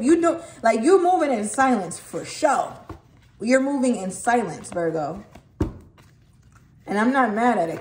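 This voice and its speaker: A woman's voice: a little high, darkish tone. A woman giving a casual tarot reading, chatty and emphatic, swearing freely and checking in with "okay" again and again. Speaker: tarot reader. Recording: echoey room, faint noise.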